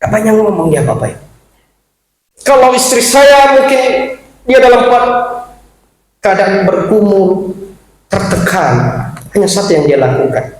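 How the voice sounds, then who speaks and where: A man preaching a sermon to his congregation in a chatty, animated way, addressing them directly and laughing along with them. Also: high voice, unhurried, pauses often. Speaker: pastor. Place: large echoey church hall. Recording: echoey church hall, faint hiss.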